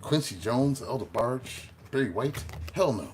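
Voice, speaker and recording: A middle-aged man, a tarot reader, telling stories in a casual way and acting out the lines he quotes with sudden loud jumps. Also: mid-range voice, lively intonation, unhurried, noisy background. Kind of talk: casual storytelling on a live reading.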